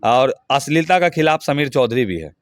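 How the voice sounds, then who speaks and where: A man's voice: mid-range voice, expressive, moderate pace, dry recording, studio quality. A man giving an interview, speaking in a heated, emphatic and abusive way. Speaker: interview guest. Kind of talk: heated, crude complaint.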